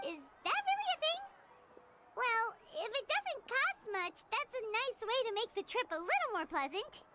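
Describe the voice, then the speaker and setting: A woman voicing a tiny, squeaky, childlike fairy companion in a video game, chirpy and excitable. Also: normal speed, very noisy. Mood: curious. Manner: refers to self in third person, cutesy.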